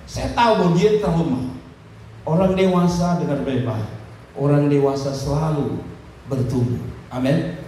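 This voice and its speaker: A man's voice: fairly high pitch, measured pace, pauses often, mellow. A man preaches to his congregation, scolding directly and hammering his points with repetition. He sounds far from the mic in a big hall with a long, echoing reverb. Faint room noise sits underneath. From Indonesia. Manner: direct, scolding, repeats phrases for emphasis; calls out to the congregation with "saudara" and "amin". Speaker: pastor. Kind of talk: sermon. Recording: echoey hall recorded from far off, faint ambience.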